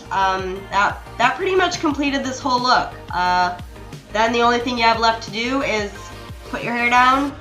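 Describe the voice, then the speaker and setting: A young woman talks through a makeup tutorial in a bright, crisp voice pitched a little high. She chats to her viewers in a friendly, apologetic way. The room sounds echoey, and soft music plays underneath. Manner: chatty, apologetic, addresses viewers as you guys. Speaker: beauty vlogger. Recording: roomy echo with soft music behind.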